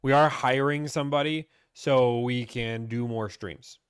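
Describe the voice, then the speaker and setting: A man's voice: medium pitch, fairly even intonation, unhurried, smooth, dry recording, clean studio sound. A young man from Pittsburgh, chatting casually as he reads and answers viewer questions about car buying on a live stream.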